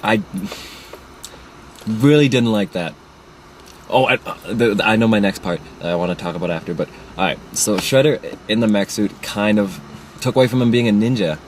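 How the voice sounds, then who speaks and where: An opinionated man chats casually about a film. His voice sits on the low side, and he stops and restarts often, stuffing his sentences with fillers. There is a faint hum of noise behind him. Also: poor audio. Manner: opinionated, halting with many "like" fillers. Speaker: movie reviewer. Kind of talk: casual chat.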